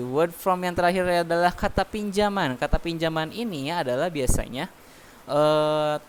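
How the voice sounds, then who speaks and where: Slow-talking man teaching English. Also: on the high side. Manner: slow, patient explaining with many fillers. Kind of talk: online English class, mixing Indonesian and English. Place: home, heavy rain outside. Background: rain noise.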